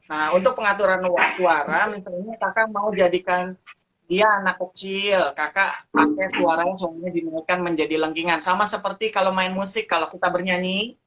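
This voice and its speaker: A man's voice: sits high, fairly even intonation, moderate pace, a bit bright, faint music behind. A man answering interview questions as a teacher of puppet ministry, talking animatedly and showing how to do voices as he explains.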